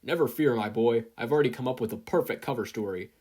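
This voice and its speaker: Speaking fast in a darkish, slightly rough mid-range voice, a performer gives a lightly acted audiobook-style turn as a hearty, fatherly older superhero mentor. The delivery is proud, encouraging and declamatory.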